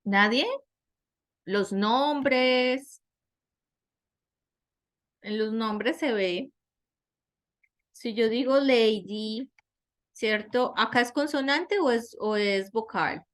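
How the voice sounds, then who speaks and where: An English teacher gives an online class at an unhurried pace, carefully explaining each rule and checking in with her students through questions. Her voice sits a little high for a woman and has a fairly bright tone.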